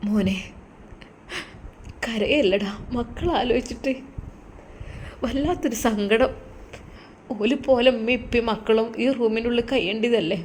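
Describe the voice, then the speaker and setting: A woman voicing a tender, devout older mother who talks softly and tearfully in a Malappuram Malayalam accent. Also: a little high, measured pace, long pauses, slight background noise, natural voice. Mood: grieving. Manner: soft, tearful, pleading.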